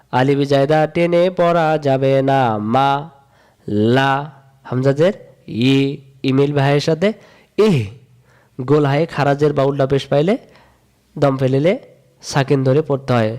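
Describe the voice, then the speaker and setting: A man from Bangladesh, teaching a step-by-step recitation lesson, repeating rules in a sing-song chant and drawing sounds out slowly. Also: medium pitch, a little mellow. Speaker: Quran reading teacher.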